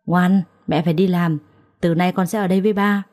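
Father role: gentle, apologetic man, read by a woman, mellow tone. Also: lowish voice, fairly even intonation, brisk, close to an everyday voice. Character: remorseful father, middle-aged man.

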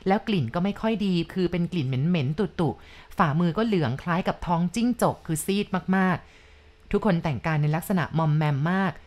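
A woman narrating a ghost story in a calm, polite and measured way. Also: lowish voice.

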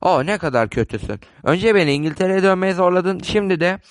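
A man's voice: high voice, lively intonation, a little fast, no room sound, clean studio sound. A man voicing a plain, reserved elderly woman.

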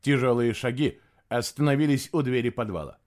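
A man narrating an audiobook in an expressive storytelling manner. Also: medium pitch, brisk. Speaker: audiobook reader. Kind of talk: scripted narration.

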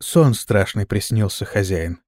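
A man voicing a meek young servant woman in an audiobook, soft and low. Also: fairly even intonation, takes it slowly, no echo, studio quality, close to an everyday voice.

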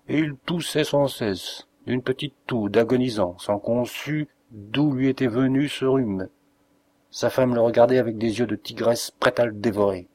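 A man reading a classic short story aloud as an audiobook narrator, in an expressive, measured way. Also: on the low side, no echo.

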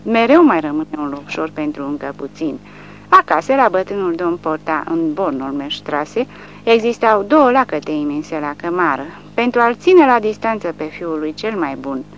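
Woman reading an audiobook, lowish voice, muffled lo-fi sound. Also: lively intonation. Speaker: audiobook narrator. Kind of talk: reading a war novel aloud. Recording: dull lo-fi with faint hum.

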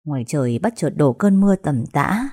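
A young woman reading a dramatized audiobook story, acting out family quarrels by raising her pitch and volume. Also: very animated, normal speed, darkish tone.

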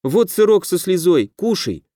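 A man voicing a snappy, quick-tempered young woman adventurer in an audiobook. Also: sits high, dry recording, studio quality, pitched above the performer's own voice. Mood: feisty. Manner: snappy, lively.

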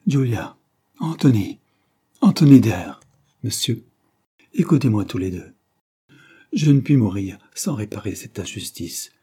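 A man's voice: lowish voice, animated, measured pace, pauses often, mellow, breathy edge, full character voice. A man voicing a dying old man who gives solemn, urgent orders from his deathbed, in an audiobook reading.

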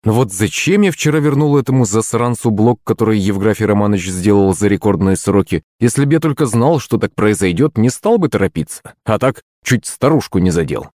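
Male audiobook narrator, first-person fantasy, animated, dry close sound. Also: fairly low pitch, a little fast, few pauses, no echo.

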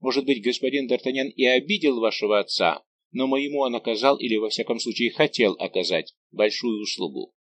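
A man's voice: mid-range voice, a little fast, few pauses, dry recording, lightly acted. A man voicing a proud English duke who speaks in a haughty, challenging tone. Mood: resolute.

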